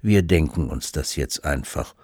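A man's voice: very deep voice, lively intonation, unhurried, darkish tone, husky, no room sound, studio quality. A man reading his humorous book aloud in an ironic, mock-solemn way.

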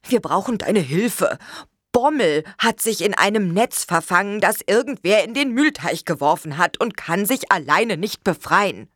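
A woman voicing a small, earnest male apple man with a husky voice. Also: medium pitch, animated, unhurried, a bit bright, no room sound, clean studio sound.

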